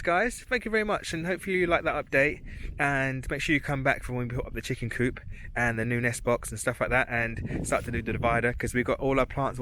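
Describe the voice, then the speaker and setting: Outdoors with a handheld camera, a crofter vlogger gives a casual walk-around tour of his croft. His mid-range voice is chatty and rambling, often correcting himself, and background noise is audible.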